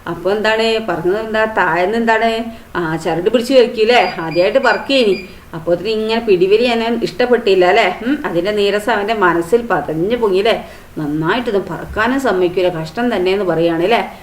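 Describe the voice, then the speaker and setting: A woman's voice: mid-range voice, fairly quick, slight background noise. A woman teacher explaining a storybook lesson to children, rephrasing each line and asking questions. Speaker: school teacher. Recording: roomy echo.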